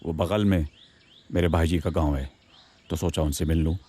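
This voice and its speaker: A man voicing a kind village man in a cartoon, who explains things calmly. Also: a bass voice, normal speed, a little hiss or hum. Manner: calm, explaining.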